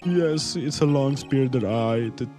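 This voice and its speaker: A man's voice: medium pitch, unhurried, natural voice. A man voicing a mild, sheepish male actor who explains himself hesitantly, with music playing behind. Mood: earnest. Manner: hesitant, earnest. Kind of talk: fan dub of a video game.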